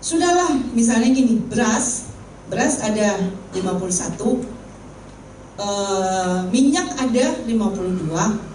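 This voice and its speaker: A woman's voice: medium pitch, lively intonation, measured pace, long pauses, a little mellow. A woman preacher delivering a sermon in a church hall, telling stories and speaking straight to the congregation. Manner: storytelling, addresses the congregation directly. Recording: echoey hall, mic far off, faint hum.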